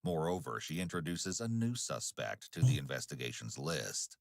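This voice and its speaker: A man reading scripted true-crime narration in a measured, dramatic way. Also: very deep voice, big pitch swings, gravelly, dry recording, clean studio sound. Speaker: documentary narrator.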